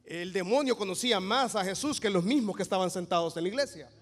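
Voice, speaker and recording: High-voiced pastor preaching. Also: male voice, fast talker. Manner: animated, joking asides, rises to loud proclamation. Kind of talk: Pentecostal sermon. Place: church. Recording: reverberant church hall.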